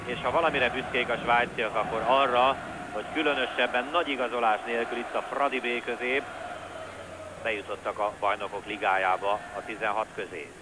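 A man's voice: medium pitch, steady tone. Male football commentator over noisy stadium ambience. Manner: conversational, clipped player-name calls. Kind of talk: live football match commentary. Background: stadium crowd noise.

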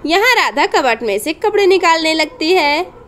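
A woman narrates a village doll story in simple, plain words. Her voice is very high. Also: expressive, moderate pace, a bit bright.

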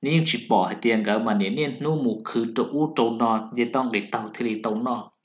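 A zodiac fortune talker rambles casually about zodiac matches in a voice-over laid over a still slide. His medium-pitched voice moves briskly. The recording sounds dull and lo-fi.

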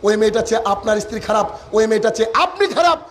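A man's voice: high voice, lively intonation, very fast. A man preaching a sermon, retelling a story with acted-out dialogue, repeating his points with emphasis.

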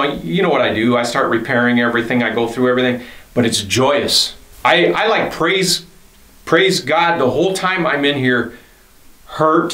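A man's voice: mid-range voice, fairly bright tone, roomy sound, poor audio. A man in his fifties who leads a band, speaking earnestly and reflectively about faith and his home studio, often repeating himself. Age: 50s. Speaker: band leader and studio owner. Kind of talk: reflective documentary interview.

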